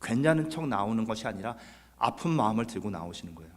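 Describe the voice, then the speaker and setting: A man's voice: fairly low pitch, very animated, fast talker, in a large hall. A man preaching a Sunday sermon as pastor, earnest, putting rhetorical questions to his congregation. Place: church sanctuary.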